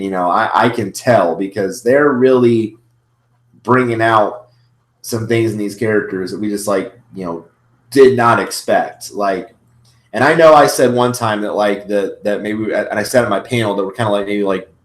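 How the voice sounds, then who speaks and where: A man's voice: fairly low pitch, normal speed. A man hosting a casual reaction video, commenting with gushing, repetitive fan enthusiasm. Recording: roomy echo, faint music behind.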